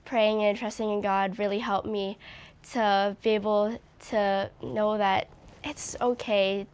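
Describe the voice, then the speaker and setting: Interviewed casually, a young woman from Hawaii who records music speaks with earnest openness, using "like" a lot. Her mid-range voice is level, smooth and a little mellow, she takes her time, and she sounds slightly congested.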